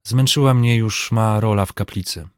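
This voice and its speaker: Tempting young nun, read by a man, soft, low, intimate, dry. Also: moderate pace, no echo, close to an everyday voice. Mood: tender.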